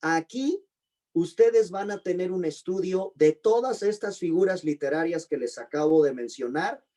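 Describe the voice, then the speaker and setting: A pastor giving an online Bible class, slowly repeating and spelling out terms and putting questions to his students. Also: sits high, animated, mellow. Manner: slow, deliberate spelling-out of terms. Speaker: pastor and teacher.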